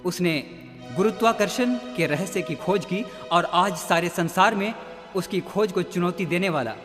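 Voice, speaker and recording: A man's voice: sits high, measured pace. A man preaching a devotional sermon, telling a dramatic story and calling out to his listeners. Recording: long reverb with faint music.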